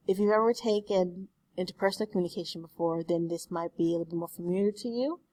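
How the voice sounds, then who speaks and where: A woman's voice: on the low side, a little mellow, no echo. A woman speech instructor giving a recorded online lecture in a conversational way, often correcting herself. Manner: conversational, frequent self-corrections and "excuse me".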